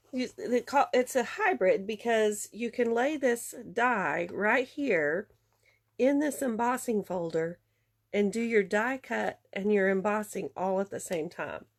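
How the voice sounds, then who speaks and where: Slow, chatty congested woman. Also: on the high side, expressive. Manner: chatty, unhurried, talks through each step. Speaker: card-making demonstrator. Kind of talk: casual craft tutorial.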